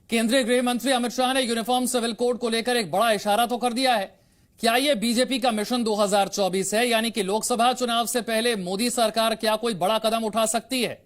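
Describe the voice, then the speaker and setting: A man's voice: very high-pitched, fairly bright tone. A man presenting the news and pressing debate guests with questions. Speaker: news anchor.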